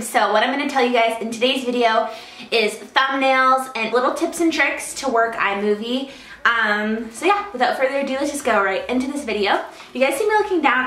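A woman's voice: on the high side, a bit bright. Bubbly young woman in an echoey room. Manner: bubbly, chatty, repeats "super simple", many ums. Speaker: YouTuber. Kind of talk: casual how-to chat to camera.

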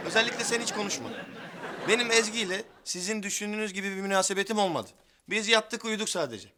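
A man doing a slick young troublemaker, quick talker, high voice, background noise. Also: a crowd in the background, close to an everyday voice. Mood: pleading. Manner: fast excuses, talks his way out. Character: young brother-in-law Yarcan, smooth-talking troublemaker.

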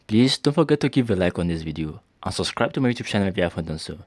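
A man reads a channel voice-over in a brisk, formulaic way. His voice sits fairly low, and the recording is close and dry. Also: animated, a little mellow, no room sound. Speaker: YouTube entertainment channel host. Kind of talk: scripted voice-over intro.

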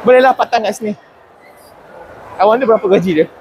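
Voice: medium pitch, quick pace, darkish tone, dull audio. A vlogger chatting casually and joking while walking through a mall, laughing often and dropping in English phrases. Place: large indoor shopping mall at night. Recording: noisy walk-around recording.

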